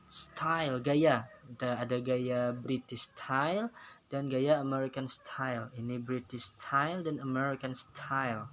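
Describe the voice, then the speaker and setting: A man teaching English to children in a slow, patient manner, repeating each phrase and giving its meaning, with an Indonesian accent. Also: mid-range voice, steady tone, fairly bright tone, slight background noise. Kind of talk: slide-based English lesson explained in Indonesian.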